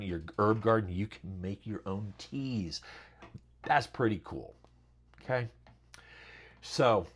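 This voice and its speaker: A middle-aged man hosting a casual how-to talk, rambling with lots of fillers and chatty asides. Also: sits low. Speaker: channel host.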